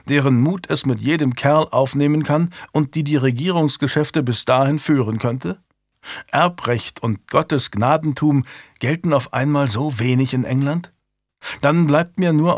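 Guy reading a proud defiant lord, sardonic, measured, dry audiobook sound. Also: medium pitch, no echo, natural voice.

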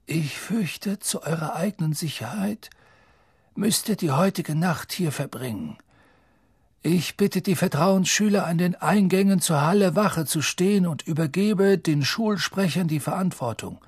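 A wise old headmaster calmly gives instructions to the students, as a man puts him on. He speaks gently and at a measured pace, with a faintly husky tone. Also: high voice, no room sound, studio quality, voice pushed up, heavily acted. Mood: calm instructing. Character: old wise male headmaster, calm and kindly.

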